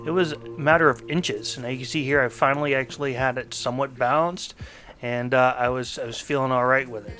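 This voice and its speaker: A man talking casually through his car restoration work in a home garage, with many ums and uhs. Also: medium pitch. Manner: relaxed, lots of ums and uhs. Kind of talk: casual workshop commentary.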